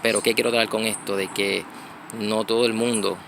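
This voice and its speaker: A man gives a loose church reflection outdoors, stopping and restarting often, with many fillers. His voice sits low and has a gravelly edge. Insects and passing traffic are heard clearly behind him. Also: little pitch movement, normal speed. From United States (Connecticut). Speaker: church brother giving a reflection. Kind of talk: casual spoken reflection.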